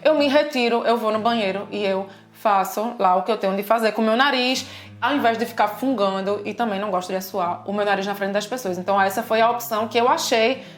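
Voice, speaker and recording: A Brazilian woman with a Brazilian Portuguese accent, explaining customs in a casual video lesson with lively examples. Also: medium pitch, quick pace. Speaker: language teacher and co-host. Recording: echoey room with faint music.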